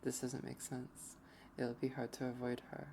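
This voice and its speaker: Gravelly streamer reading a visual novel aloud. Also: mid-range voice, level tone, dark tone, a little hiss or hum. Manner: slow, hesitant first-person reading. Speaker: let's play streamer. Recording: over game music.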